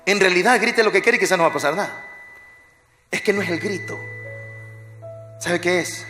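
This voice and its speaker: A male pastor preaches in a high, ringing voice with a bright edge. He leads his congregation in call-and-response, jokes with them, and drops from shouted war cries to near-whispers. The live recording rings with a long church echo and faint music behind. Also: normal speed. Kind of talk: energetic sermon. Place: large church hall.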